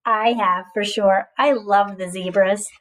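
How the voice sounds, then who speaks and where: In a medium-pitched voice, a woman reads a picture book aloud as a teacher of young children. Her delivery is animated and encouraging, with many questions and pauses for the kids to answer.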